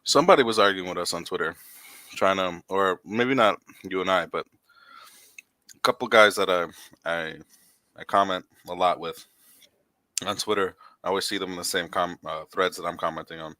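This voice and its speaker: A man's voice: low-pitched, normal speed, pauses often, sharp tone, no room sound. A man hosting a podcast in casual sports chat, opinionated and rambling with many restarts, recorded close on a dry mic. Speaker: podcast host.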